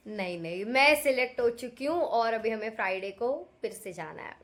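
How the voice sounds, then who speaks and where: A woman's voice: fairly high pitch, moderate pace. A young woman in college, chatting and teasing as she vlogs her family day at home on a phone camera. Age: young adult. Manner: chatty, teasing, animated storytelling. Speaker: vlogger. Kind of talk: casual family vlog.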